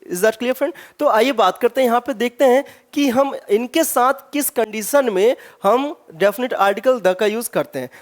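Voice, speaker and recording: A male English teacher with an extremely high-pitched voice runs an exam-prep grammar lesson. He asks lots of rhetorical questions and says his example words slowly, stressing each one.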